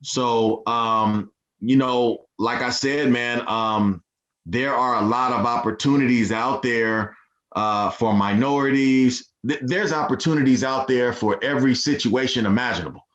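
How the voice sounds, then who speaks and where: A man speaking as a podcast guest in a relaxed, laid-back way, with lots of fillers. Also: mid-range voice, measured pace. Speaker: guest, nonprofit founder. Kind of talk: casual interview chat. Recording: dull lo-fi sound.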